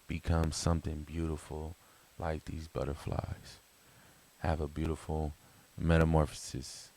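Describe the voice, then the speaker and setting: A man talking to camera in a casual motivational monologue, rambling with restarts and chuckles, swinging from loud high bursts to soft low murmurs. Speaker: vlogger.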